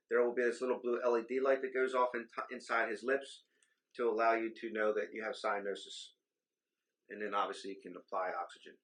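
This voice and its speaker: A man's voice: medium pitch, fairly bright tone, rough recording. A man, a simulation program administrator, giving a methodical instructional walkthrough of equipment in a hospital trauma bay simulation lab. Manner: explanatory, methodical, occasional ums.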